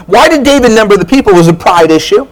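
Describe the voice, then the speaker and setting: A man preaching a sermon as pastor, energetic and playful, teasing the congregation and checking in with "all right?". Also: sits high, quick pace, rough recording. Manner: energetic, joking preacher who keeps asking "all right?".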